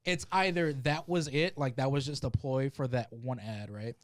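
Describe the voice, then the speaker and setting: A man's voice: mid-range voice, normal speed, background noise. A man co-hosting a podcast in casual chat, telling stories animatedly and swearing heavily. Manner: heavy swearing, animated storytelling. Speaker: podcast co-host.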